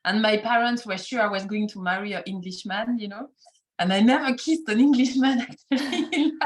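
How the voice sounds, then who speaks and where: A woman's voice: a little high, fairly quick, noisy background. A middle-aged woman from France with a French accent, chatting as an interview guest, with lots of fillers and easy laughter. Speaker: guest, facial cupping practitioner. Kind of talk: casual interview chat.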